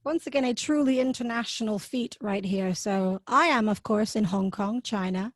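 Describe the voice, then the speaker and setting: A woman's voice: mid-range voice, normal speed, dry recording, studio quality. A woman co-hosting a casual podcast chat, chatty, joking and self-deprecating. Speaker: podcast co-host.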